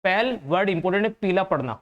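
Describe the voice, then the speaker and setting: In an English vocabulary lesson for exam students, a man with a Hindi accent explains answers patiently and repeats the important words and their meanings. He sounds animated and fast, with a high, slightly bright voice on dull audio.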